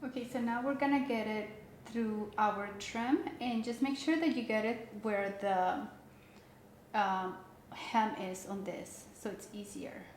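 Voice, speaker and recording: A woman giving a casual step-by-step craft tutorial, talking in a relaxed way with many fillers and restarts. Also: mid-range voice, takes it slowly. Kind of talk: casual how-to instruction. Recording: echoey room with faint background noise.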